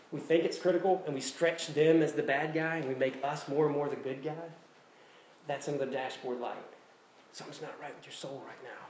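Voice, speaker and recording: Repeating his key phrases, a Southern US pastor preaches in a conversational, self-deprecating way. He has a fairly high, darkish voice, with slight background noise in an echoey room carrying faint ambience.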